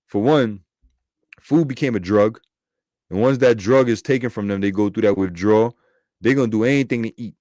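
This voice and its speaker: A man's voice: on the low side, normal speed, darkish tone, dry recording, clean studio sound. A man giving casual scripture commentary in slangy, profane street talk, thinking aloud and correcting himself as he goes. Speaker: bible commentator.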